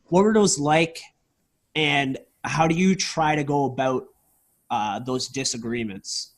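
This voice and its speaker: A man's voice: medium pitch, measured pace. A man co-hosting a podcast, asking loose, filler-heavy questions in casual conversation. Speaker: podcast co-host.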